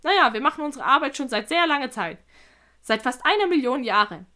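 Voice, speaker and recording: A woman voicing a squeaky, metallic old spider queen. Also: animated, a little fast. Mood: matter-of-fact. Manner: higher and louder than her reading voice.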